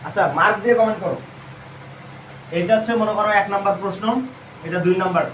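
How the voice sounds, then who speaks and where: A man's voice: high-pitched, steady tone, fast talker, distant mic, muffled recording. A man with a Bangladeshi Bengali accent teaching an admission prep lesson live, asking questions and answering them himself. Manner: repetitive quizzing, asks and answers own questions. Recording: roomy echo, voice off-mic, faint hum.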